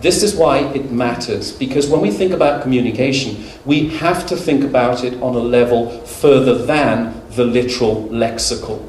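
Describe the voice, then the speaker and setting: A middle-aged man giving a conference talk in a relaxed, anecdotal way, with light humor and plenty of ums. His voice sits mid-range and carries around a reverberant hall. He sounds a bit distant from the mic, with faint noise behind him. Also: mid-range voice, moderate pace, few pauses. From United Kingdom. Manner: conversational and humorous, with anecdotes and fillers. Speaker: conference speaker. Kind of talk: conference lecture.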